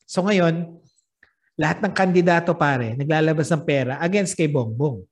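A man's voice: fairly high pitch, normal speed. Man, Filipino accent, casual podcast chat, chatty, laughs easily. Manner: chatty, laughs often, mixes English into Filipino. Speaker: podcast host.

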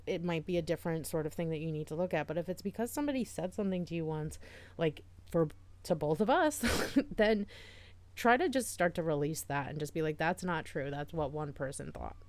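A woman's voice: low voice, brisk, a little mellow, no room sound. A woman co-hosting a podcast in casual chat, talking earnestly with lots of "like" fillers. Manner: chatty, heavy use of "like", earnest and reassuring. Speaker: podcast co-host.

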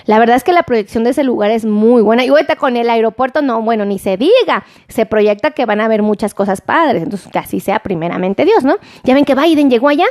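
A high-pitched woman with a Mexican accent hosts a casual livestream from her phone. She chats playfully and quickly, calling out viewers by name and joking with them. The tone is loose and friendly, like talking to regulars. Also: animated, darkish tone. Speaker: health livestream host. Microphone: phone camera.

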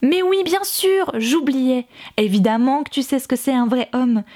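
A woman voicing a fierce young woman who speaks loudly and with biting sarcasm to defend her friend. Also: sits high, moderate pace, lightly acted. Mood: scathing. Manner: cutting, loud and sarcastic.

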